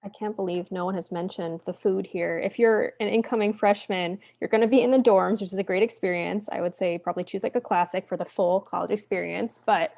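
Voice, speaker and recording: A woman's voice: mid-range voice, fairly even intonation, fairly quick, gravelly, hardly any pauses, a little mellow. A young woman on a student panel, giving enthusiastic advice. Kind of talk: casual panel talk. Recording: slightly dull mic.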